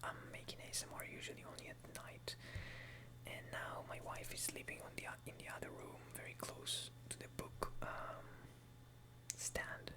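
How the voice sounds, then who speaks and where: A man who is a native Hebrew speaker whispers a casual, hesitant, unhurried ASMR chat in English. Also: low-quality recording. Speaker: ASMR video maker. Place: quiet room at home at night.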